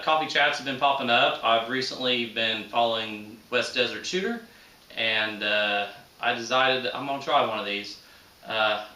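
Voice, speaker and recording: This shooting hobby channel host, a man in his 30s, speaks at a medium pitch with a sharp tone. He chats to viewers informally and without a script, folksy and using rural, colloquial grammar, and the distant microphone catches plenty of room echo.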